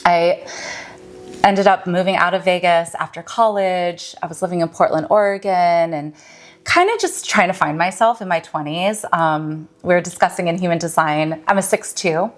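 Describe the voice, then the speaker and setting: Earnest woman guest, lower voice. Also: steady tone, normal speed. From Michigan, USA. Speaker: podcast guest, mystic and healer. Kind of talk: casual podcast interview.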